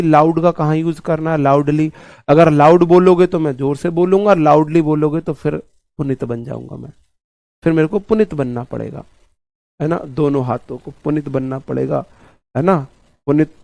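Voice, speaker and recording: A man teaching English grammar in an online class, animated, swinging between loud mock shouting and quiet asides, repeating key words slowly. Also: on the high side, vocal fry, no echo.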